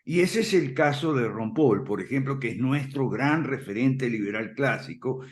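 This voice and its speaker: A man explaining ideas in conversation, firm and emphatic, often checking in with a quick "ok?" and soft chuckles. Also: medium pitch, animated. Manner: emphatic, repeats points firmly. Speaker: guest speaker on classical liberalism.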